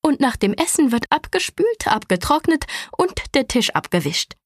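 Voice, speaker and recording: A woman's voice: sits high, big pitch swings, moderate pace, dry recording, voice pushed up. A strict aunt, played by a woman reader snapping orders at the children in a raised, scolding voice. The storybook narration is dry and close. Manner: commanding, scolding. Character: stern, hissing middle-aged aunt.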